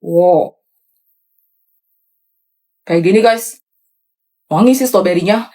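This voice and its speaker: A woman's voice: on the low side, takes it slowly, mellow. A young adult woman chatting casually to viewers while tasting food, constantly addressing them directly. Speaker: vlogger.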